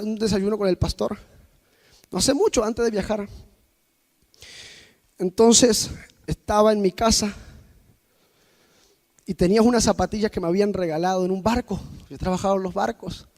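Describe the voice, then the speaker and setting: High-voiced impassioned male preacher. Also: moderate pace, long pauses. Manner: impassioned, swinging between loud outbursts and quiet asides; personal storytelling addressed to the congregation. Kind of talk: sermon.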